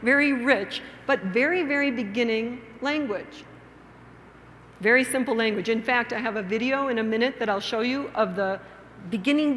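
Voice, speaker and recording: Woman conference speaker, engaging, quizzes the audience, slightly high voice, long hall reverb. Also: fairly bright tone, a little hiss or hum. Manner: engaging, asks the audience questions, frequent tag "right?". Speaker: plenary speaker and teacher educator. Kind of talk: conference lecture with a read-aloud story. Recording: long hall reverb, faint room ambience.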